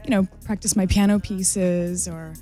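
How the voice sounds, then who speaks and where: A woman's voice: mid-range voice, fairly even intonation, measured pace, dark tone, soft background music. Giggly woman DJ guest. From New York, USA. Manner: chatty, giggly, many fillers and restarts. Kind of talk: casual radio interview. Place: radio studio.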